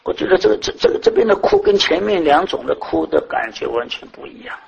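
A man preaching a sermon to a congregation, asking many rhetorical questions and swinging between raised, emphatic phrases and soft, low ones. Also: wildly swooping pitch, fast talker, vocal fry, slightly rough, muffled recording.

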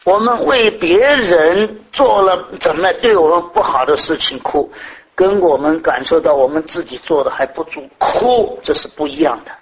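A man preaches a sermon to a congregation, asking many rhetorical questions and swinging between raised, emphatic phrases and soft, low ones. He speaks at a normal speed. The recording has its highs cut off and slight background noise.

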